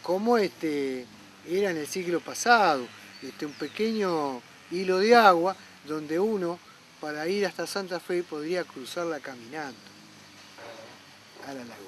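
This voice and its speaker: High-voiced man explaining history. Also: expressive, slight background noise. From Argentina. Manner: explanatory, measured. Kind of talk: documentary explanation.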